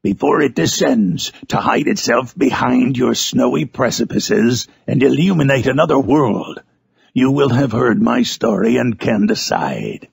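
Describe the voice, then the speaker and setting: Wretched Gothic monster: very husky, heavy gravel, impassioned, vengeful, eloquent pleading. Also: male voice, sits low, a little mellow, dry recording, studio quality, voice pushed down, heavily acted. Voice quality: gravelly, raspy. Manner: impassioned, archaic, theatrical pleading. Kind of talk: dramatic reading of a Gothic novel.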